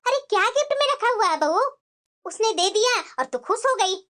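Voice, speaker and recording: A woman's voice: extremely high pitch, lively intonation, normal speed, a bit bright. A woman voicing a scheming, bossy mother-in-law in a cartoon, scolding and nagging her daughter-in-law. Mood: coaxing. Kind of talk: cartoon voice acting.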